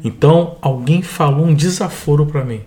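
Mellow-voiced Brazilian man on faith. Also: on the high side, moderate pace. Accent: Brazilian Portuguese. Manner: calm, explanatory, adds to his co-host. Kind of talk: devotional teaching talk.

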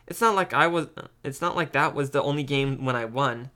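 A man's voice: mid-range voice, a little fast, sharp tone, close to an everyday voice. A man reading as a dry, sarcastic teenage brother. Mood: exasperated.

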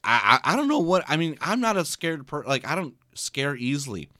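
A fairly high, sing-song male voice moves fairly quickly, bright and forceful, as he co-hosts a casual podcast chat. After a short night he's sleepy and rambling, restarting and repeating words a lot. The podcast mic yields clean studio sound with no room sound.

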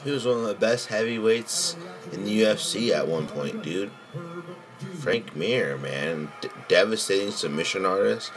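Deep-voiced man in casual fan commentary. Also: expressive, moderate pace. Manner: informal, slangy, enthusiastic. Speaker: fan commenting on a fight video. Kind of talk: casual reaction commentary with heavy swearing and slang.

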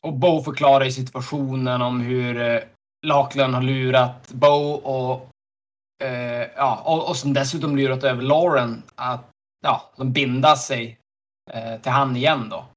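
Man, casual recap chat, relaxed, frequent laughs, hesitant fillers. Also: mid-range voice. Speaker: podcast co-host.

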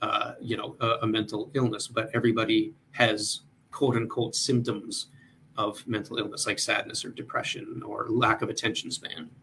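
A man's voice: lowish voice, little pitch movement, normal speed, creaky, bright, forceful tone, slight background noise. A man speaking as a mental health guest in a casual interview, earnest and thoughtful, with frequent fillers.

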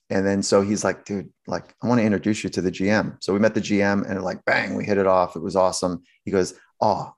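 A sports psychologist tells a story in a casual interview, animatedly acting out quotes and restarting often. He has a low voice with vocal fry.

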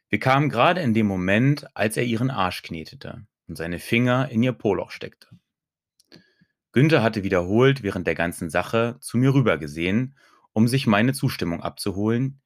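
Male audiobook narrator, first-person story, very deep voice, dry close sound, calm even reading. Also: no echo.

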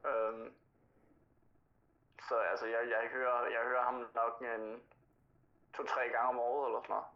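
A man's voice: medium pitch, level tone. A man in casual podcast chat, easygoing, often restarting his sentences. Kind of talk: casual chat about hip-hop. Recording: dull lo-fi recording.

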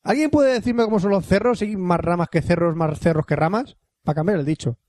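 High-voiced Spanish man reading emails. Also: a little fast, a little mellow, no echo. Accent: Spain Spanish. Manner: jokey, rambling, reads emails aloud. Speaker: podcast co-host reading listener emails. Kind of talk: casual podcast banter.

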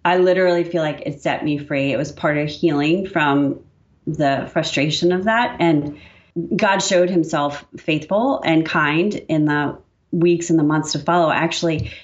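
A woman's voice: low-pitched, a little slow, muffled recording. A woman guest who writes and speaks, talking earnestly and reflectively in a casual faith conversation. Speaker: podcast guest, author and speaker.

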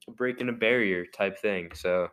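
Rambling young man, low voice. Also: normal speed, fairly bright tone, smooth. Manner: rambling, filler-heavy, mocking. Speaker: podcast co-host. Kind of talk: casual chat.

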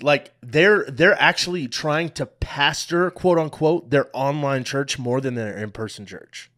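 A man's voice: a little high, a bit bright. A man speaking bluntly and emphatically in slangy, casual, heated commentary. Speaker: panelist giving a pastor's opinion.

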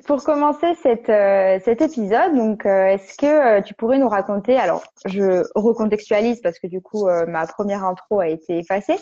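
A woman's voice: mid-range voice, moderate pace, few pauses, mellow. A woman hosting a podcast, asking rambling, meandering questions in casual conversation. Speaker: podcast host. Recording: muffled lo-fi recording.

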